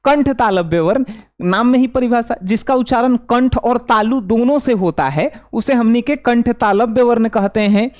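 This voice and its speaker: A man's voice: extremely high pitch, normal speed, darkish tone. A young male teacher, giving a grammar lesson for exams and repeating each point while quizzing his students. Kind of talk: exam-prep grammar lesson.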